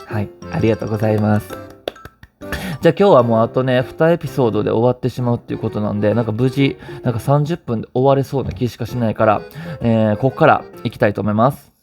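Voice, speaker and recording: A man's voice: medium pitch, quick pace, a little mellow, faint music behind. A man with a Kansai Japanese accent hosting a vlog, chatting casually and playfully while reading out listener stories. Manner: chatty and playful, often laughing and teasing. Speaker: vlog host.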